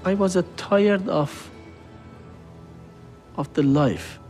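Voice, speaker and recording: A man, telling his story in halting, broken English for a documentary interview. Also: sits high, a little mellow, faint music behind. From Iran.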